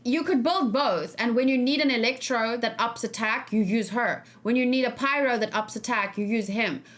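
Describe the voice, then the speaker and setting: With a slightly high voice at normal speed, a woman streamer leads a reaction and discussion. She keeps it casual with her viewers, emphatic and full of questions, leaning on repeated key words.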